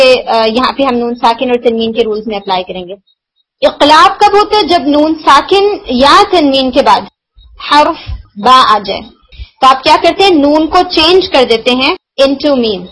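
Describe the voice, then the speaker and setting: A woman teaching the rules of Quran recitation, explaining patiently and answering her own questions as she slows down to demonstrate sounds. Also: high-pitched, a bit bright, low-quality recording. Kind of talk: explanatory lesson.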